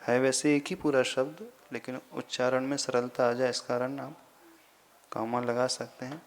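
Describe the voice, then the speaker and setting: A man, a monk teaching Sanskrit verse pronunciation, patiently repeating syllables slowly and deliberately. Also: medium pitch, fairly even intonation. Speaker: Jain monk teaching scripture recitation. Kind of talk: slow explanatory lesson on Sanskrit pronunciation.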